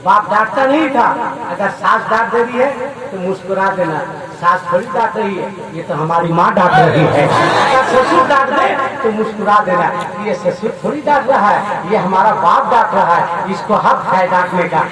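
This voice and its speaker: A man preaches at a big gathering in a very high, piercing voice. He scolds and jokes with punchlines and stretches out his key words. His voice booms through echoing loudspeakers from far away, with a crowd audible behind him. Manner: lively and scolding, with punchlines and drawn-out emphasis. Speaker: religious speaker. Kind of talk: humorous religious speech at a gathering. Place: large religious gathering.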